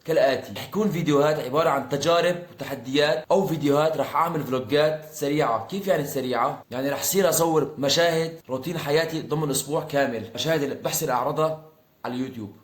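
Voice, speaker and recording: A man in his twenties from Aleppo, Syria, talks in a fairly high voice at a racing pace, with a Syrian Arabic accent. He's a YouTube content creator casually answering follower questions in a vlog.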